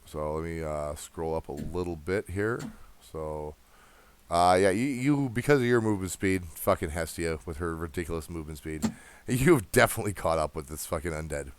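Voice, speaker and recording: A man's voice: low-pitched, moderate pace, smooth. A man running a tabletop game as game master, bantering casually, laughing often and swearing freely.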